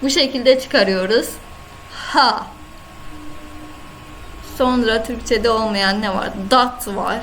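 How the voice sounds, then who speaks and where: A woman with a Turkish accent gives a recorded online lesson through her computer mic. She speaks slowly in a fairly high voice, repeating each sound with patient care, and a faint noise hums under her. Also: fairly bright tone, poor audio. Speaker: Arabic teacher. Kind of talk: online lesson, screen-share.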